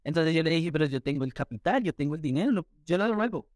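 A man tells his story at a quick clip, with a slightly high voice. He acts out what others said to him as he goes. The sound is dry and close. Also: dry recording. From Colombia. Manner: fast, animated retelling with acted quotes. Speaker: entrepreneur guest. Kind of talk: storytelling in an interview.

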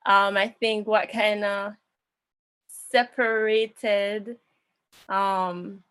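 A woman's voice: medium pitch, level tone, very slow, a bit bright, clear, resonant tone, dry recording. A young woman from Jamaica, an interviewer and musician, talking reflectively in casual conversation with frequent fillers and restarts.

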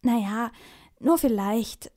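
A woman's voice: on the high side, slow, dark tone. A woman voicing a cheeky, chatty young boy in a children's story reading. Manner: chatty, teasing.

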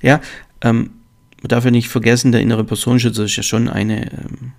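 A man speaks straight to the listener in an earnest, coaching motivational monologue. His mid-pitched voice carries a noticeable gravelly fry. He talks in a direct, encouraging way. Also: level tone, a little fast, a little mellow.

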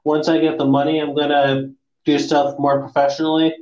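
A man hosting a casual podcast with crude, dark joking, recorded in an untreated room that sounds like the inside of a fishbowl. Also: fairly high pitch, flat delivery, brisk, echoey room, lo-fi sound. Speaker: podcast host. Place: echoey room, not soundproofed.

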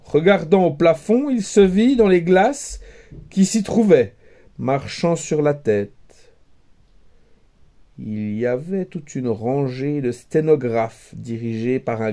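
A man reading a fairy tale aloud, measured and gently wry. His voice is mellow and dark-toned, a little high for a man, and he takes his time. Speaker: narrator. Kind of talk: storybook reading.

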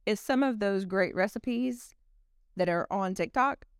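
Woman in her 40s on a podcast, smooth clear voice, dry close sound, chatty and rambly. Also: medium pitch, a little slow, no room sound. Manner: chatty, animated storyteller with frequent fillers. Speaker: podcast guest, company executive. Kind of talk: casual chat.

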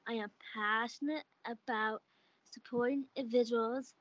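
A woman's voice: fairly high pitch, fairly even intonation, normal speed, fairly bright tone, no echo. Young woman reading lines carefully. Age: 20s. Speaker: board timekeeper. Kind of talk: reading scripted podcast lines. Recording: dry, dull lo-fi sound.

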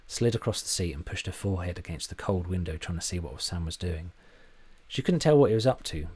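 Deep husky male storyteller. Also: a little mellow. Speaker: narrator. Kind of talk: storybook narration.

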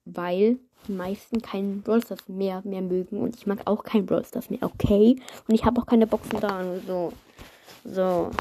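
A woman's voice: mid-range voice, steady tone, normal speed, warm tone. A woman hosting a casual giveaway results video, chatting informally to viewers as she reads out and reacts. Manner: informal, chatty, reading comments aloud and reacting. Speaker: video host.

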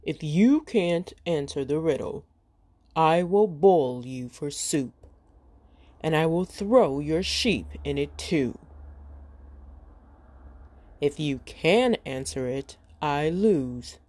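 A woman voicing a huge, gruff male giant who is mocking and boastful, speaking in a booming, slow and heavy way. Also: expressive, warm tone, no room sound, full character voice.

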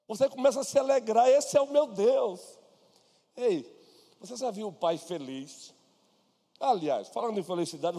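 Brazilian male pastor, high mellow voice, conversational sermon in an echoing church hall. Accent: Brazilian Portuguese. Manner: conversational preaching, addresses listeners by name. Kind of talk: sermon with personal stories. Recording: long hall reverb.

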